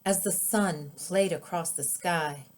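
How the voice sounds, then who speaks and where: Her lowish voice carries expressive, unhurried, drawn-out phrasing as a woman gives a storybook reading of a children's book she authored.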